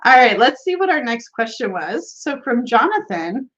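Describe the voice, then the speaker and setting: A woman's voice: on the high side, big pitch swings, moderate pace, a bit bright, dull audio. A woman hosting a tarot livestream, chatting casually, reading viewer comments aloud and laughing often. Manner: giggly and bubbly, laughs often.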